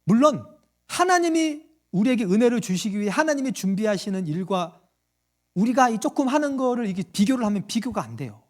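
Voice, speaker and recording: The pastor's voice sits high and has a brisk, sing-song quality. He preaches a sermon to his congregation, testing them with questions and dramatizing the quoted voices in his stories.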